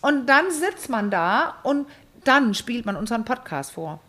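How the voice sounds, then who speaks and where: A woman's voice: fairly high pitch, sing-song, a little slow, a bit bright. A woman hosting a podcast in casual chat, talkative and digressive, often restarting her sentences. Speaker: podcast host.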